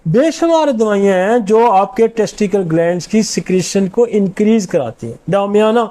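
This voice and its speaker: Middle-aged male homeopath, high pitch, soft mellow tone, self-assured lecturer who reels off remedy lists. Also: animated. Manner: confident, rattles off long lists of remedies. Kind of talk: informal medical lecture.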